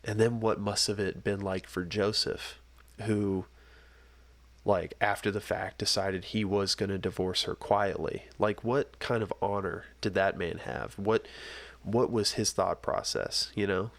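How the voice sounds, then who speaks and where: Young male co-host, lowish voice, scratchy throat, keeps asking rhetorical questions; dry studio sound. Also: fairly even intonation, measured pace, dry recording. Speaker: podcast co-host. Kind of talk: casual chat.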